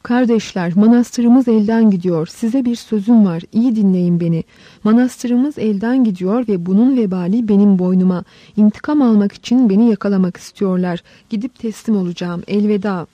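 A solemn, self-sacrificing old abbot, as a woman reading the story voices him, calling out gravely and with force. His voice is dark and mellow, and it sounds close and dry. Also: normal speed, dry recording, muffled recording, lightly acted. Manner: booming, grave pleading.

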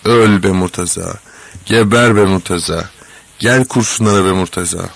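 Storybook: male reader plays a frantic, bellowing father; deep, rough, husky. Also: normal speed. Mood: despairing. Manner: shouting, frantic. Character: enraged middle-aged father, factory foreman.

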